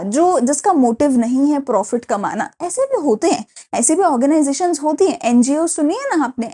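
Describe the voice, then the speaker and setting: Young Indian woman teacher, high mellow voice, lecturing with rhetorical questions. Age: young adult. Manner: explains with many rhetorical questions and repeated checks with the class. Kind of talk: classroom lecture.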